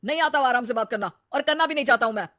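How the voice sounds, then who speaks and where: A woman's voice: mid-range voice, fairly quick, no echo, clean studio sound, natural voice. A woman doing a short-tempered young husband. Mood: angry. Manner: irritable, shouts when arguing.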